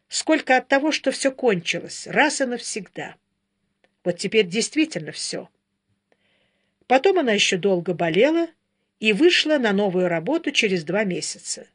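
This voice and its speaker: Woman reading an audiobook, mid pitch, measured and dramatic. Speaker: audiobook narrator. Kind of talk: audiobook narration.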